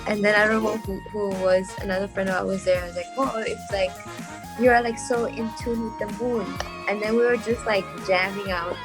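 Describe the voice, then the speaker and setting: A woman from Thailand, a drummer and producer, recounts a story in a loose, relaxed way, full of fillers and quick giggles. Her voice sits at a middle pitch. Music plays clearly behind her. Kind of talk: casual interview chat.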